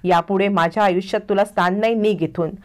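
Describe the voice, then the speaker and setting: A woman's voice: medium pitch, fairly even intonation, brisk, natural voice. A woman voicing a resolute, wronged wife from a television serial, firm and cold.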